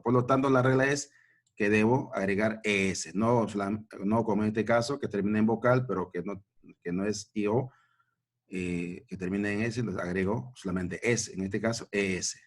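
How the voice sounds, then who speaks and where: A man teaching a grammar lesson at a board, repeating points and checking in with short questions. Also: on the low side. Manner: slow, repetitive, checking in with "¿no?" and "¿ya?".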